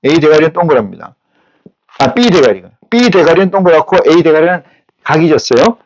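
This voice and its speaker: A man's voice: fairly high pitch, expressive, low-quality recording. A male pastor preaching a sermon, firing rhetorical questions at his listeners in blunt, coarse everyday speech. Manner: teaches with rapid rhetorical questions.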